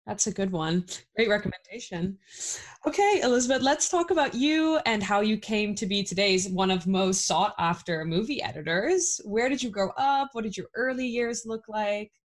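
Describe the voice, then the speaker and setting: A woman interviewer, upbeat, asking quick rapid-fire questions. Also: medium pitch, expressive. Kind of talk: casual interview.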